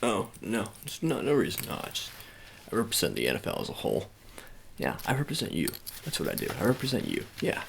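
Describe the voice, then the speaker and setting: A man with a fairly low, exaggerated voice plays an awkward sports agent in an improvised ASMR roleplay, politely doubtful as he addresses the listener. He speaks fast and creakily, with huge pitch swings, stammering and repeating phrases. There's a little hiss or hum.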